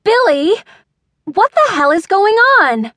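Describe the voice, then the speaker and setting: A woman narrator voicing an impatient woman who shouts and swears through a closed door. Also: extremely high pitch, very animated, takes it slowly, dry recording, clean studio sound, heavily acted. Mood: yelling. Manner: blunt, cursing, demanding. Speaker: audiobook narrator.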